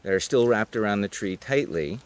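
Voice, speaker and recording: A man's voice: on the low side, animated, a little fast, clear, resonant tone. A man narrating an outdoor demonstration as an instructor, explaining it plainly, step by step. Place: outdoors on a wooded slope. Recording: faintly noisy outdoor recording.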